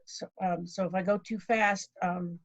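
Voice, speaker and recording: A woman's voice: lowish voice, fairly even intonation. Boston woman presenting over a video call. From Boston, Massachusetts. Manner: rushed, many fillers and restarts. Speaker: guest speaker. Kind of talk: online presentation. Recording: dull lo-fi video call audio.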